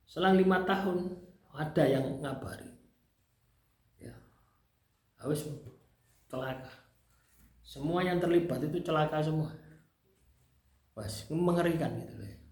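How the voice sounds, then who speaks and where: A man's voice: fairly high pitch, darkish tone, reverberant. A man with a Javanese accent recounting his own experiences in casual spoken testimony, habitually tagging his sentences with little checking phrases. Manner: conversational, tags phrases with "gitu loh, ya". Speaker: speaker sharing personal experience.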